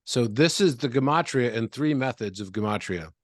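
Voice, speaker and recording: A man who is a guest in an interview, calmly explaining things and walking through examples step by step. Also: medium pitch, moderate pace, no room sound, clean studio sound.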